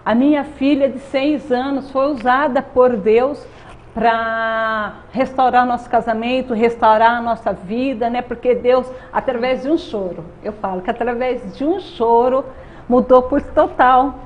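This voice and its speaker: A woman's voice: a little high, a little slow. Earnest Brazilian woman giving testimony. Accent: Brazilian Portuguese. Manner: earnest, repeats "né?" often. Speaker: interview guest. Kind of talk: personal faith testimony. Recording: dull lo-fi sound with faint noise.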